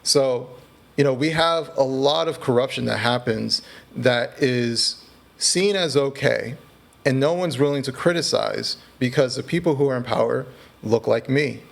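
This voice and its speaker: A man with a gravelly, creaky edge to his voice. He speaks as a podcast guest in a conversational interview. He lays out his points earnestly and at a measured pace, often tagging them with a quick check-in. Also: medium pitch. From United States.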